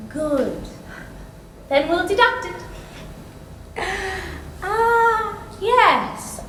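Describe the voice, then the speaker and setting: A woman's voice: extremely high pitch, very animated, very slow, a bit bright, a little hiss or hum, full character voice. A woman playing a sneering stingy employer. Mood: mocking. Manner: condescending, sweetly mocking, laughs often. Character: stingy, mocking female employer of a governess. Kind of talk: stage play performance. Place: school stage before an audience. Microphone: distant room mic. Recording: echoey hall from far off.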